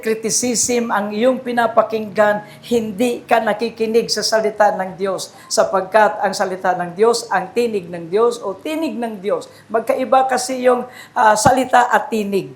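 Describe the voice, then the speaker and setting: A woman with a Filipino accent preaching a sermon, switching between Tagalog and English and rising to emphatic calls. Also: on the high side.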